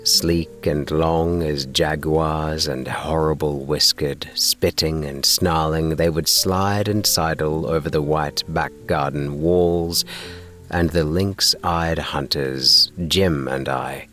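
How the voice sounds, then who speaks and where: A man narrating a bedtime sleep story in a soothing, unhurried, gently measured way. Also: very deep voice, fairly even intonation, soft background music. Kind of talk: slow bedtime relaxation narration and story reading.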